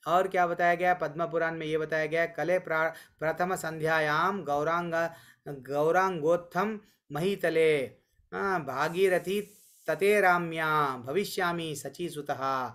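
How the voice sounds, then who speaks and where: A man teaching a scripture class online, telling stories and slowly chanting verses. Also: on the high side, steady tone, fairly bright tone. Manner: storytelling, voices quotes of deities and sages. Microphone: online call.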